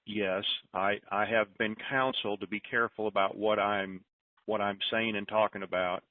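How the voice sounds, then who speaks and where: A man with a lowish voice, fairly even intonation and a moderate pace hosts an informal group call. Folksy and disorganized, he rambles through announcements and thinks aloud, heard over a roomy, tinny telephone conference line.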